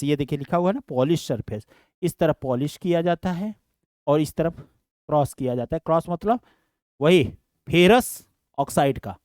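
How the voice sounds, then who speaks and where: Lively man teaching science. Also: sits high, clear, resonant tone, no echo, studio quality. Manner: explains step by step, keeps asking students if they understood; calls students "beta" in a fond, fatherly way. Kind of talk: online science lesson.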